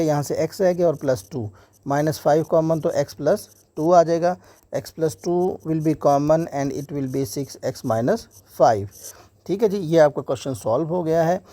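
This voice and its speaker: A man's voice: a little high, dark tone, no echo. A man teaching an exam maths lesson step by step, mixing English terms into Hindi and often saying "theek hai ji". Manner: slows right down when dictating English steps.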